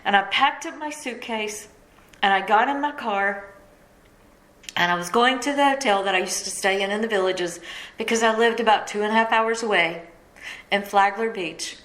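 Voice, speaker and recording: A middle-aged woman speaks straight to her listeners, tearing up as she tells her own story. Her delivery is emotional and heartfelt, at an ordinary pitch for a woman. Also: moderate pace, fairly bright tone, rough recording. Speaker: radio host and speaker. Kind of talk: personal testimony to listeners.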